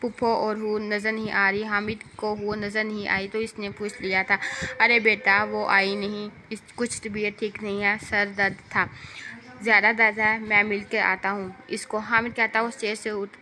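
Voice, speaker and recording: A woman's voice: mid-range voice, level tone, normal speed, few pauses, pushed and bright, a little hiss or hum. A woman reading a light comic novel aloud as narrator, voicing every character herself.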